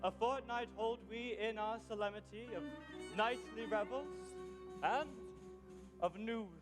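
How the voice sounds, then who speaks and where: A teenage boy plays a stately duke sending lovers to bed, declaiming courtly verse. His voice sits very high for a young man. Loud music plays under him. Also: unhurried. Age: teens. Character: Theseus, stately young duke hosting revels. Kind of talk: Shakespearean stage verse. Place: school theatre stage.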